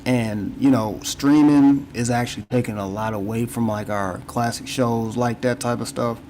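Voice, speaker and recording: A man in a relaxed podcast chat, talking in loose, looping sentences and leaning on "you know what I'm saying." He sounds a bit tired and yawns now and then, with mid-range pitch. A faint hiss of noise sits behind him. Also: moderate pace, rough recording. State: yawning, tired. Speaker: podcast host. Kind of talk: casual chat.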